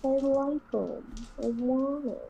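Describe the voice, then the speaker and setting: A woman's voice: high voice, takes it slowly, gravelly, mellow, lo-fi sound, slight background noise. A woman playing a tabletop game over voice chat, chatting in a giggly, gushing way. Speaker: player.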